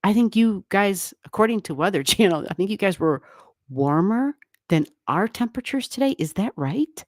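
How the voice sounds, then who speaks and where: Hosting an astrology livestream from a room at home that isn't soundproofed, a woman chats casually with viewers, rambling and laughing often. Her mid-range voice is expressive and moves at a moderate pace. A desk microphone turned down halfway captures studio-quality audio with no room sound.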